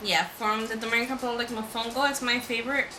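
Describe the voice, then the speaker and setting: A woman from Venezuela chatting casually on a vlog, giggly and animated. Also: fairly high pitch, fast talker, reverberant, background noise. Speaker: vlogger. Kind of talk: casual chat.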